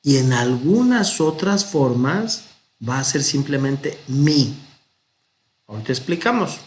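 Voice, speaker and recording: A man with a Mexican Spanish accent teaching a Hebrew grammar lesson, patient and methodical, sounding out example words slowly. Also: mid-range voice, sing-song. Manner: patient, explains step by step, pronounces examples slowly.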